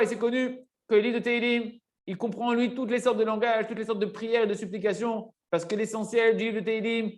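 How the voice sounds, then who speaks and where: Man, high-pitched voice, religious teacher, explanatory lesson, emphatic, didactic, repeats key phrases.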